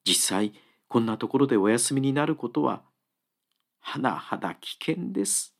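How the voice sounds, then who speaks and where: A man's voice: mid-range voice, expressive, measured pace, creaky. A man doing an anxious, pleading woodcutter. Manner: polite, urgent pleading. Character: anxious earnest male woodcutter, humble and pleading.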